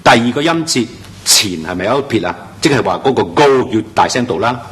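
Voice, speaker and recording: A male English pronunciation teacher leads a classroom-style lesson. His pitch is animated, his delivery emphatic, and he stretches out model words slowly.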